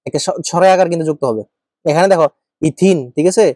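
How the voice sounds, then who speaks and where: A man's voice: a little high, fast, warm tone, no room sound. A man teaching chemistry, dry close sound. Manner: asks and answers his own questions, thinks aloud while writing; addresses students familiarly, often checks in. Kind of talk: informal classroom lecture.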